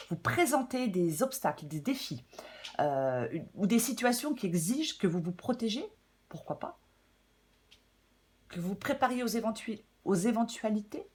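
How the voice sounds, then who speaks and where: Slightly hoarse woman reading tarot cards. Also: mid-range voice. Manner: casual, chatty, with fillers and throat clearing. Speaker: tarot reader. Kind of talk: weekly tarot reading for a star sign.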